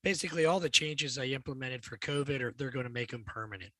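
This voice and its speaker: A man's voice: medium pitch, fast talker, sharp tone, no room sound. A man in a casual radio hobby chat, explaining club details in a matter-of-fact way.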